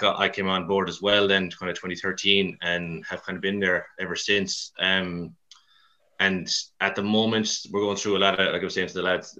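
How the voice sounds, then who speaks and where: This podcast guest, a CrossFit coach from Mayo and Dublin, Ireland, chats in a rambling, colloquial style with a west of Ireland accent and a bit of self-deprecation. His voice is low, bright, and forceful, captured with lo-fi sound.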